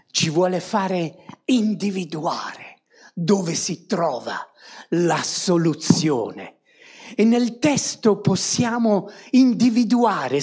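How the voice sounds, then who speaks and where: A woman's voice: lowish voice, a little mellow. A woman preaching a sermon to a congregation, often tagging on rhetorical questions to draw her listeners in.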